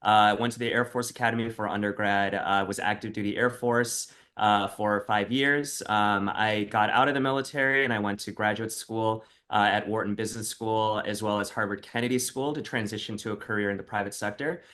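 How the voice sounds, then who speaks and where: Man, somewhat low voice, hesitant, lots of filler sounds, guest on a podcast. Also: fairly even intonation, bright, forceful tone. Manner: halting, full of "uh" fillers. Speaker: co-founder, guest. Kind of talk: interview.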